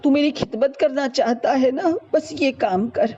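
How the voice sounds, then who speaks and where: A woman's voice: high voice, muffled recording, background noise, close to an everyday voice. A woman voicing an elderly father who speaks firmly and insistently to his son in a sermon story. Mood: stern. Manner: firm, insistent. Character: stern, grieving elderly father.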